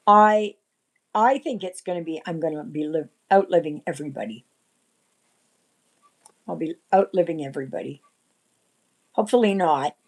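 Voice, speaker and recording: A woman in her sixties hosting a casual livestream chat, rambling and often clearing her throat. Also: on the low side, low-quality recording. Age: 60s. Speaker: livestream host.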